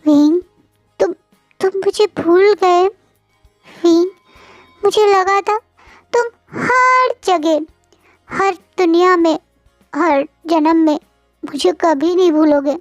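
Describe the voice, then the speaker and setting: A woman voicing a drunk, tearful young man who clings and pleads in a slow, whining way. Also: very high-pitched, level tone, no room sound, faint music behind, pitched above the performer's own voice. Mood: tearful pleading.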